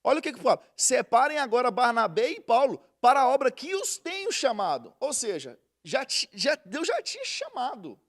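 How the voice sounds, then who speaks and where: Lively high-voiced man teaching. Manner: conversational, tells anecdotes, reads scripture slowly. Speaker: Bible teacher. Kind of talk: Bible study lesson.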